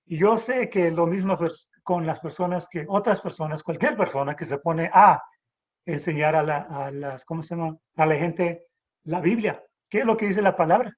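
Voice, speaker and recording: Raised in San Antonio, this middle-aged man from the Texas border teaches the Bible informally over a video call. His fairly high voice halts and restarts often, and he leans on rhetorical questions. The audio sounds dull.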